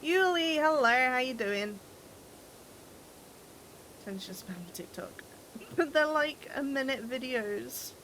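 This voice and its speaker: A woman's voice: a little high, expressive, slow pace, long pauses, a bit bright, slight background noise. A British woman in her twenties, chatting casually with her chat while playing a game. She teases people, laughs often and trips over her words. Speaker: game streamer.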